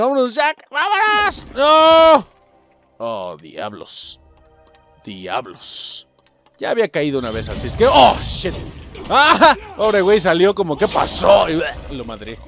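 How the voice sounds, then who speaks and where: A man with a Mexican accent giving profane, excitable let's play commentary and yelling at enemies. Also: on the high side. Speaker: gaming host.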